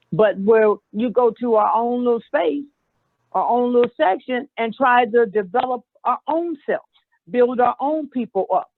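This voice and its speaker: A middle-aged woman speaking earnestly as a panel guest, halting and searching for words. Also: mid-range voice, dry recording. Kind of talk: online panel discussion. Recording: tinny phone-line audio.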